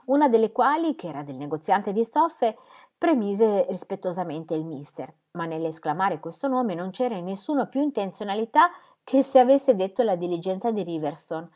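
A young adult woman reading a novel aloud at a steady, measured pace. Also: fairly low pitch. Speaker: audiobook reader.

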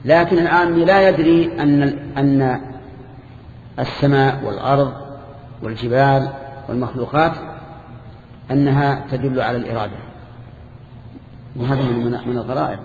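An older man teaching a lesson to students, explaining a classical text in a measured way with restarts and questions to the class. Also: mid-range voice, steady tone, darkish tone. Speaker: teacher of Islamic creed. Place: lecture hall with students. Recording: echoey hall, dull lo-fi tape with faint hiss.

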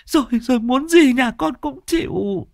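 A man's voice: very high-pitched, animated, moderate pace, gravelly, no room sound, studio quality, pitched above the performer's own voice, exaggerated voice. A man voicing a terrified old grandmother who begs and wails with a stammer. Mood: begging. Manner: stammering, desperate begging. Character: frightened old grandmother, pleading and wailing.

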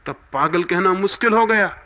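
Male spiritual teacher, high voice, emphatic sermon delivery, dull archival sound. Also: moderate pace. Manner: emphatic, swinging between forceful rises and hushed drops. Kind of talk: spiritual discourse. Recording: dull lo-fi archival talk recording.

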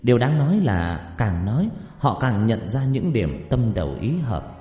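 A man narrating a story in an expressive, dramatic reading style. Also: medium pitch, moderate pace. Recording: echoey reverb, faint music behind.

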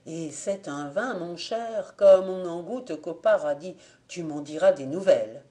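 A woman's voice: lowish voice, unhurried, close to an everyday voice. Woman reading a sly old blind man. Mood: ironic. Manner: calm, gently ironic.

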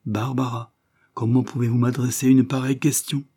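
A man reading the part of a grave husband who confides a painful secret, in a solemn, measured manner. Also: medium pitch, level tone, dark tone, breathy edge, voice pushed up, lightly acted.

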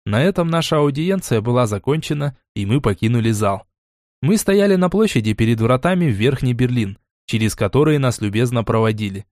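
A man reading a first-person novel aloud as an audiobook narrator, calm and even. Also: medium pitch, brisk, no room sound, clean studio sound.

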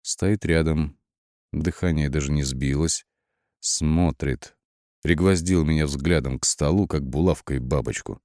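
A man narrating an audiobook in the first person, with lively, wry storytelling and shifting emphasis. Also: extremely low pitch, measured pace, dry recording, clean studio sound.

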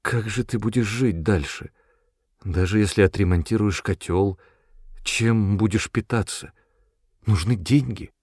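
A man's voice: fairly low pitch, unhurried, a little mellow, breathy edge, dry recording, clean studio sound. A man voicing a brave young girl who speaks earnestly and sticks up for her friend.

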